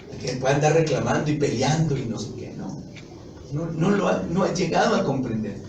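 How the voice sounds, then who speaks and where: A man preaching a sermon emphatically, putting questions to his congregation and rising to loud exclamations. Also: on the high side. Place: church. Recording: echoey hall from a distance, noisy.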